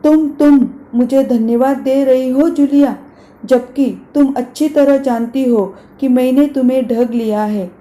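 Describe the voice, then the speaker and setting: A woman's voice: a little high, steady tone, slow, warm tone. A woman voicing a stern, stingy male house master who scolds and counts off deductions, in an echoey room. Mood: angry.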